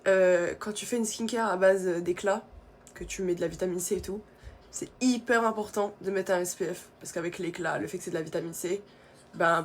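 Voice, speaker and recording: A woman's voice: on the low side, slight background noise. Chatty young woman, skincare vlog. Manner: chatty, casual, many fillers. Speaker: beauty vlogger.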